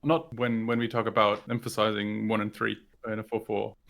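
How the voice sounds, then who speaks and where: A man's voice: fairly low pitch, level tone, moderate pace, vocal fry, a bit bright. A man whose first language is German, co-hosting a podcast and chatting thoughtfully with some hesitation. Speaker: podcast co-host. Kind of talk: casual podcast chat.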